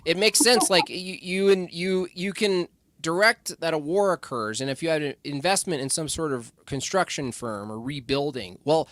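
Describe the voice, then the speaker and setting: A man chatting as a podcast guest, rambling and halting, now and then quoting others in a mocking voice. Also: on the high side, a bit bright. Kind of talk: casual podcast discussion.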